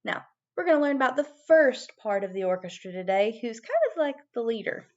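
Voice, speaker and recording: A woman giving a video music lesson to young children as their teacher, animated and prompting them with questions. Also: fairly high pitch, fairly quick, muffled recording.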